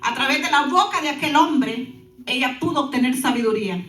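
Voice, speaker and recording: A woman pastor giving an animated sermon, breaking in with lively asides to the congregation. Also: high voice, fairly quick, echoey room, far from the mic, faint music behind.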